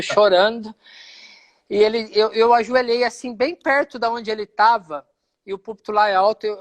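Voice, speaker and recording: Speaking in a live conversation, this pastor gives his personal testimony with a Brazilian Portuguese accent. His voice is high-pitched, and he performs the lines of the dialogue he quotes.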